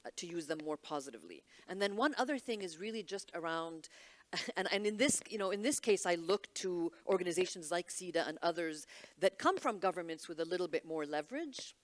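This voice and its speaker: A woman's voice: lowish voice, expressive, fairly quick. A woman from Egypt speaking on a panel, candid and wry, with many restarts and fillers. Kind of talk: panel discussion.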